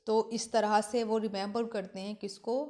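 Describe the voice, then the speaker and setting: A woman's voice: mid-range voice, level tone, warm tone. A woman teacher explaining literature for exams, repeating key points and asking and answering her own questions. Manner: reads English verse slowly and haltingly. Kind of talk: exam-prep literature lesson.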